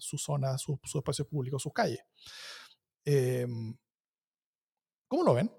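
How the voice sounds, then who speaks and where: Chilean male host, panel talk, thoughtful questioner, slightly high voice. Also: darkish tone. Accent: Chilean Spanish. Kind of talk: panel discussion.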